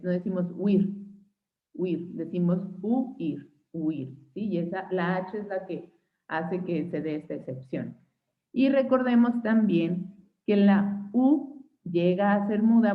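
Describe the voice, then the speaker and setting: A young Mexican woman teaching an online phonetics class, patiently spelling out examples and checking in with her students every few sentences. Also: on the low side. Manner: checks in with frequent "¿sí?" and "¿va?". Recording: tinny phone-like line.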